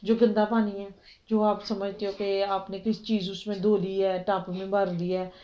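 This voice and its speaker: A woman with a dark, flat, mid-range voice and a Pakistani Urdu accent runs an online religion class for children, repeatedly asking them questions to keep them participating. The audio is dull and lo-fi.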